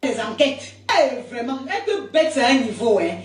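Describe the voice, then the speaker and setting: A high-voiced woman giving indignant, rambling live commentary and repeating words as she argues. She sits back from the mic in an echoey room. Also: expressive, moderate pace, recorded from a distance.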